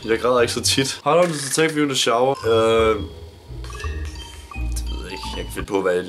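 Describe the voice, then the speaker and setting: A man's voice: medium pitch, animated, over music. A nineteen-year-old man from Denmark answering viewer questions in a casual vlog, blunt, joking and swearing a lot. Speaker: YouTuber.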